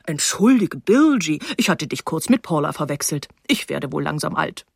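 A woman's voice: deep voice, very animated, moderate pace, creaky, husky, no echo, clean studio sound, pitched below the performer's own voice, heavily acted. A woman reading the part of an absent-minded older man, a distracted schoolmaster uncle, in an audiobook. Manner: vague, distracted.

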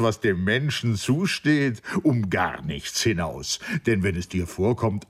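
A man's voice: medium pitch, breathy edge. A man voicing an exuberant, mocking young friend who teases in a sing-song way, in an audiobook. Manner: teasing, jubilant, sing-song. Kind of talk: audiobook character voice.

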